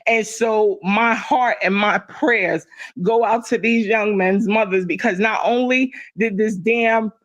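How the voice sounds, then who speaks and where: Middle-aged woman, livestream guest, speaks with heated conviction and repeats points for emphasis, mid-pitched. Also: takes it slowly, no echo, highs cut off. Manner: impassioned, emphatic, repeats herself for stress. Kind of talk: casual chat.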